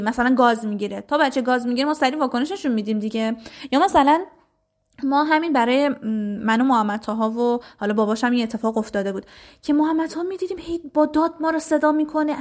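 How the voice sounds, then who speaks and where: A woman in her thirties giving parenting advice in a lively, direct way, often acting out short lines spoken to a child. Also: high voice. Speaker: parenting educator.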